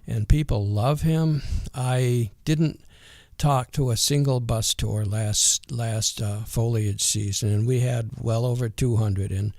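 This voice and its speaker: An older Vermont man with a natural rural twang reminisces as an interview guest, casual, hesitant and unhurried in a folksy way. His mid-range voice is a little mellow. The studio sound is clean, with no echo.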